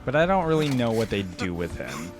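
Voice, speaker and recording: A reaction video host gives casual, enthusiastic commentary in fan slang, speaking very animatedly and a little fast in a fairly low male voice. Loud music and game audio from the videos he's watching play behind him.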